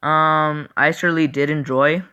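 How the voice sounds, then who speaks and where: A young man chatters through a game he is playing, excitable and quick to apologize. His voice sits a little high and sounds bright and forceful. He talks straight to his viewers in a loose, casual way. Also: clear, resonant tone, dull audio. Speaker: gaming channel host. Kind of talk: casual gameplay commentary.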